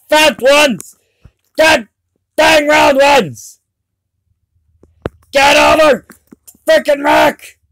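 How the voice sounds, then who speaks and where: Male gamer, berserk rage commentary, frustrated yelling, wildly varied high pitch. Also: clear, resonant tone, no echo, poor audio. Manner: berserk raging, yelling and screaming in frustration at the game. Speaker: gamer recording gameplay.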